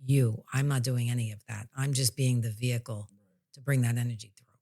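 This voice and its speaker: In an extremely low, dark voice with fairly even intonation, a plain-spoken woman speaks briskly and casually. As a psychic medium and podcast host, she explains her spiritual healing work in an informal, conversational manner.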